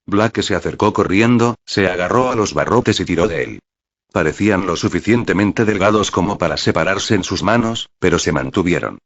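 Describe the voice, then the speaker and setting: A man narrating a fan fiction story in a steady, even reading voice, in a dull, dry recording. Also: low voice, normal speed, dry recording.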